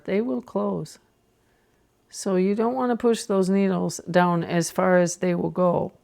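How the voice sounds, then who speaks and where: A woman's voice: lowish voice, gravelly, mellow. A woman hosting a casual knitting tutorial, chatting to herself as she works a sock machine, sometimes dropping to a whisper. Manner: chatty, talks to herself while working, drops to a whisper at times. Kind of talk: casual how-to demonstration.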